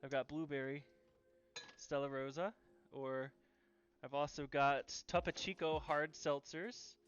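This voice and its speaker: A man with a clear, resonant, fairly high voice speaks unhurriedly and with fairly even intonation while hosting a casual cooking livestream from his home kitchen. He keeps things easygoing and repeats phrases to stress points, though the audio is dull and lo-fi.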